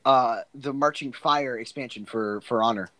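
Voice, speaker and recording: A man in casual gaming chat, excitable about upcoming releases. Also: medium pitch, moderate pace, no echo.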